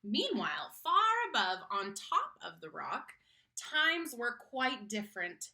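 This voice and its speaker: Reading a picture book to kids, this woman is dramatic and expressive, keeping young audiences engaged. She speaks at a medium pitch and a little slowly.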